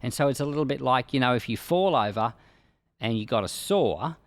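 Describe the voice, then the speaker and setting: With a medium-pitched, animated voice and a brisk delivery, a man reads from the Bible and then explains it plainly as a pastor. The Bible podcast host's informal devotional commentary is captured in a dry recording.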